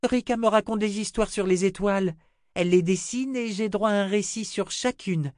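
A man's voice: sits high, normal speed, a little mellow, no room sound, clean studio sound, voice pushed up, natural voice. A man voicing a cheerful, bold little girl in an audiobook, with a raised childlike voice.

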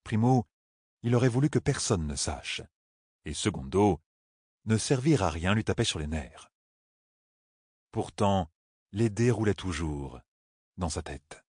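Deep husky male audiobook narrator. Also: animated, a little slow, pauses often, a little mellow, no echo, clean studio sound. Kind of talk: scripted narration.

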